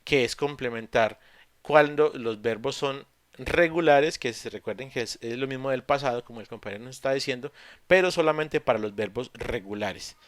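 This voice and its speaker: A man teaching English in an online class, explaining patiently step by step with pauses and fillers. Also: mid-range voice, no echo. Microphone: computer mic on a video call.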